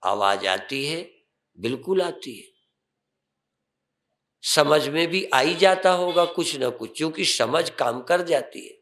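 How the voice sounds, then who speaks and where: An older man, a swami, giving a sermon and guiding a meditation with calm instructions and rising emphatic phrases. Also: fairly high pitch, slow, long pauses.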